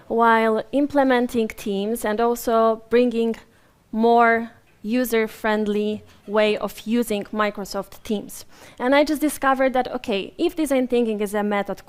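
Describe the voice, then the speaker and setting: A Polish woman gives a live conference presentation to an audience in a conference room, speaking into a handheld or stage microphone as she moves around. Her higher-pitched voice is friendly, chatty, and apologetic, rambling with frequent fillers and restarts.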